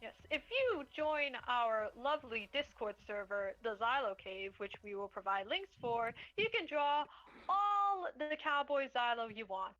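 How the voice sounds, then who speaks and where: Woman, slow, bright tone, playful teasing, faint music. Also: on the high side, big pitch swings, dull audio. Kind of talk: casual group chat.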